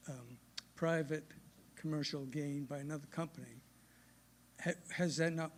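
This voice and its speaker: A man with a slightly high voice poses a question at a town meeting. He speaks slowly and hesitantly, searching for each word as he goes. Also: darkish tone. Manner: slow and searching. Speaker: resident asking a question.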